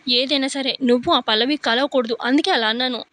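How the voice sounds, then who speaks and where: Scheming, fretful serial mother, sharp-tongued, high voice, read by a woman. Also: steady tone, brisk. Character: scheming anxious middle-aged mother.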